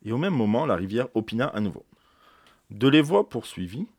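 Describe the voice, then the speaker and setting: A male teacher reading a novel aloud for his class, steady and deliberate. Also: mid-range voice, husky, no room sound, clean studio sound.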